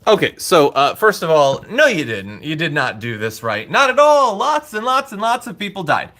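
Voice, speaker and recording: A man gives casual, opinionated political commentary as a show host. His voice sits fairly high and swings widely in pitch, with a sharp, bright edge. He is sarcastic and exasperated, and swears easily. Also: big pitch swings, moderate pace.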